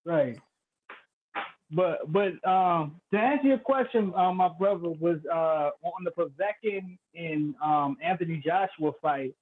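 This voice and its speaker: A man calling in over a crackly, staticky phone line, talking in an animated, playful, trash-talking way. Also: on the high side, a little slow. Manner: animated, loud and playful, vivid street storytelling. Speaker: guest predicting a boxing fight. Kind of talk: casual trash-talking chat. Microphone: cheap phone.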